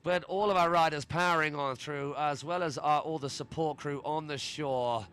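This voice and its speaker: A man's voice: a little high, steady tone, moderate pace, a bit bright, smooth. Chatty English man commentating live sport. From England. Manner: chatty, colloquial, jokey.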